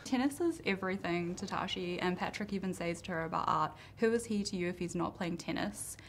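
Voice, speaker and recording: A woman's voice: lowish voice, fairly quick, a little hiss or hum. A woman interviewing actors, asking questions in a friendly, upbeat way. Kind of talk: press junket interview questions.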